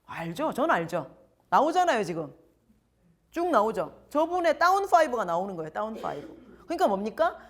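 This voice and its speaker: A middle-aged woman coach giving a lively lecture in a large hall, acting out quoted people and firing questions at her audience. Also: on the high side, normal speed. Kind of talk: lively lecture to young adults.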